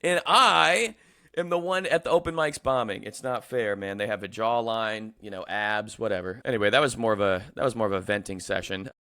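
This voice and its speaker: A man's voice: lowish voice, a little fast, pushed and bright, dry recording. A man hosting a comedy podcast from his Brooklyn apartment, joking and rambling in self-mocking riffs. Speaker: podcast host. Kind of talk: casual comedic podcast chat.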